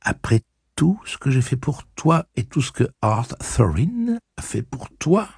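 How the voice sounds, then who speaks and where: A man reading aloud voices a spiteful older aunt who scolds and sneers in a raised, shrill voice. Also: sing-song, unhurried, vocal fry, a little mellow, slightly rough, dry recording, studio quality, full character voice. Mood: venomous.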